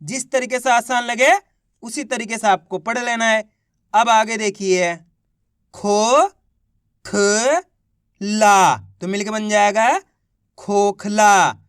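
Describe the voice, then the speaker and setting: Man, reading teacher, very slow pace, smooth clear voice, syllable-by-syllable spelling, encouraging tone. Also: sits high, fairly even intonation, fairly bright tone, dry recording, studio quality. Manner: drawn-out spelling of each syllable, then blending into words; encouraging, addresses viewers as friends.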